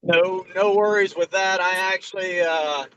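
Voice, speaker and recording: A man from Ohio comes through a low quality video call stream that sounds dull and lo-fi. He is driving while he talks. His voice is bright and a little high, and he speaks in an easygoing, hesitant way with fillers. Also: steady tone, measured pace, smooth, no room sound. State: driving a vehicle. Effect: low quality streamed video call audio. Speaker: general contractor seeking advice. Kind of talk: casual video call chat.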